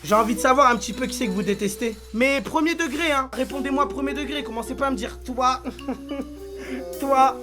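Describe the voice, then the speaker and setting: A man's voice: very high-pitched, brisk. Brash young male streamer over music. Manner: brash, joking, crude banter with chat. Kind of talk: casual live-stream chat. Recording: music playing behind.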